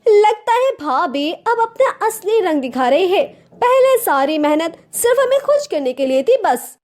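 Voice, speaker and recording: Lady playing a petulant young sister-in-law, whiny and high, cartoon story. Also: very animated, a little slow, a little mellow, full character voice. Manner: whiny, complaining.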